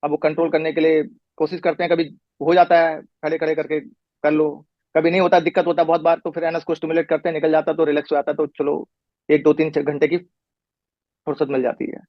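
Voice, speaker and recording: A man's voice: a little high, little pitch movement, quick pace, dry recording. A middle-aged man talking as a patient in a casual conversation, giving a long, detailed account with frequent restarts. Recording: muffled lo-fi recording.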